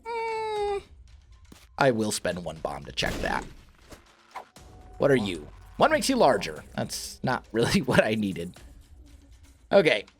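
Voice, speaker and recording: A man's voice: mid-range voice, huge pitch swings, takes it slowly, pauses often, music in the background. A man with a groggy morning voice, chatting casually and thinking aloud as he plays a video game, often correcting himself mid-sentence. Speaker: let's play host. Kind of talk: casual gameplay commentary.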